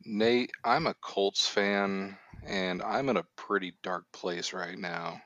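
A man's voice: low voice, slow, fairly bright tone, dry recording. A man co-hosting a podcast, chatting casually with a hesitant, filler-laden way of talking. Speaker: co-host. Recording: dry, slightly dull lo-fi sound.

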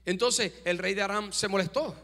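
A man's voice: high-pitched, normal speed, pushed and bright. A man preaching a sermon emphatically, calling out to the congregation. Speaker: pastor. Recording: reverberant hall.

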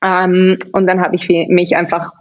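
Speaking in a fairly low monotone at a moderate pace, with the highs cut off, this Barcelona woman in her thirties is a guest on a podcast. Her casual interview chat is full of laughter and restarted sentences.

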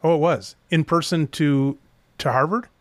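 A man hosting an interview, asking quick, curious follow-up questions in a casual way. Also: on the high side, no echo. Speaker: interview host.

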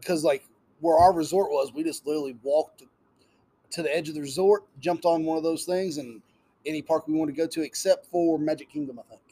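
Husky kinda high guy, married dad, excitedly telling friends a story. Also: fairly quick. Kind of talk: casual chat.

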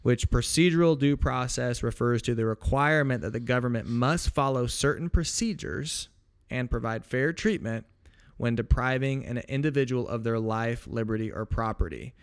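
Smooth-voiced rambling man. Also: medium pitch, normal speed. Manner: loose and rambling, with restarts and jokey asides. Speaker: podcast co-host. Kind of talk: casual explanatory chat.

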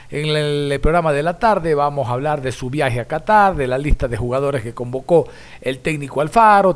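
Chatty Ecuadorian sports host, man. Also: a little high. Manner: chatty, emphatic, asks himself rhetorical questions. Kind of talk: sports talk show.

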